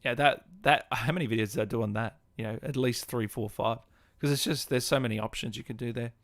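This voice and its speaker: A fast-talking Australian man with a medium-pitched voice chats casually on his gaming livestream, with no echo on the audio. As streamer and host, he answers viewers' comments and speaks to them informally, like mates.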